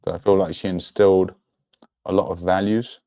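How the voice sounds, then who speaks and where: Deep-voiced young man, earnest and introspective. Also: level tone, moderate pace, dark tone, dry recording. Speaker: podcast guest. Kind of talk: personal, reflective interview talk.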